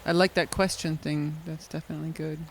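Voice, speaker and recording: A woman chatting casually as a podcast co-host, her voice carrying a gravelly fry. She laughs easily and pokes fun at herself, with a faint hiss of noise behind her. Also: low-pitched, flat delivery, fairly quick, rough recording. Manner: laughs easily, self-deprecating. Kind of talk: casual chat.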